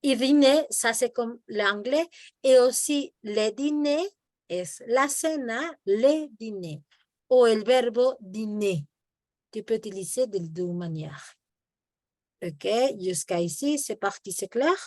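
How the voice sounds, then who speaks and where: A woman teaches French in an online language lesson, explaining patiently in Spanish and French and modeling words for her student to repeat. Her voice is fairly high, animated, slow and darkish, captured in clean studio sound with no echo.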